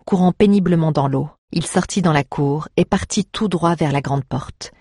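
Husky, dry audiobook narrator. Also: mid-range voice, normal speed, warm tone, no room sound. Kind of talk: scripted story narration.

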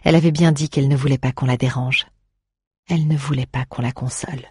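Husky storybook narrator, measured delivery, dry close mic. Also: medium pitch, steady tone, darkish tone, no echo. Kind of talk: scripted audiobook narration.

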